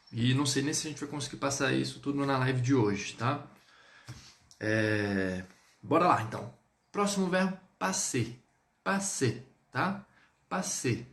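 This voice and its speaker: A Brazilian man leads a live online French lesson and explains things patiently. He keeps checking in with his viewers as he goes. His voice sits at a middle pitch and carries a roomy echo. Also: creaky. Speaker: French teacher. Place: indoor room, livestream.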